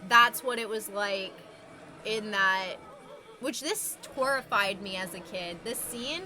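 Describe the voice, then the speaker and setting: A woman's voice: mid-range voice, slow, noisy background. A young adult woman chatting casually as a streamer, with slangy, sweary stoner talk. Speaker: live streamer chatting with viewers. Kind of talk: casual chat.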